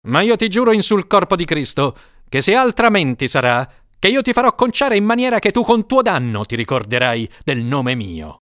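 A proud nobleman with a raised, forceful voice, as a man acts him out, speaking sternly and indignantly. The sound is dry and close, with his pitch lifted and swinging widely. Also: very animated, moderate pace, few pauses, no room sound. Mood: threatening. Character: angry, proud nobleman, a man of middle age.

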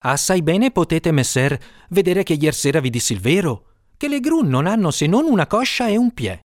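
A man voicing a frightened, quick-witted young cook who pleads nervously with his lord in a high, strained voice. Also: sing-song, dry recording, studio quality. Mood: eager.

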